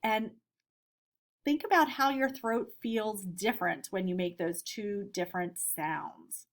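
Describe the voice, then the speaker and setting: An American elementary school teacher with a medium-pitched voice speaks slowly as she gives an instructional read-aloud for children. She puts simple questions to her pupils.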